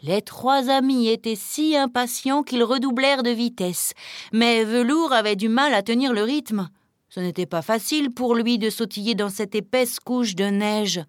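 A woman narrating a children's storybook in a gentle, expressive reading voice. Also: fairly high pitch, moderate pace, smooth, no room sound, studio quality.

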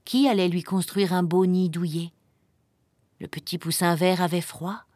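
A woman reading a children's picture book aloud in a gentle, expressive storytelling manner. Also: fairly low pitch, measured pace, no room sound.

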